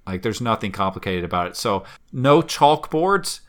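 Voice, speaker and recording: A man co-hosting a casual podcast chat, animated, swearing casually and musing at length. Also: lowish voice, normal speed. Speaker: podcast co-host.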